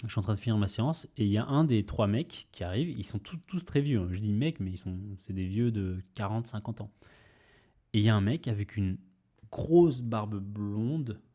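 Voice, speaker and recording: A man's voice: lowish voice, lively intonation, normal speed, dark tone. Laid-back young man telling a story. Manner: rambling, many fillers and restarts, mild swearing. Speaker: podcast host. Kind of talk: casual storytelling.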